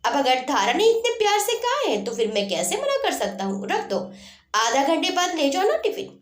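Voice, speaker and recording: A woman's voice: sits high, sing-song, moderate pace. A woman voicing a guarded, suspicious male police officer who speaks in curt questions. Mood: smiling. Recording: roomy echo.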